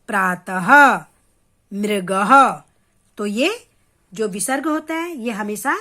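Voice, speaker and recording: A woman teaching children the Hindi vowel signs, stretching out each example word and stopping to check that they follow. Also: a little high. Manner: stretches out example words syllable by syllable; patient, checks understanding with questions. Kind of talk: slow, careful lesson for children.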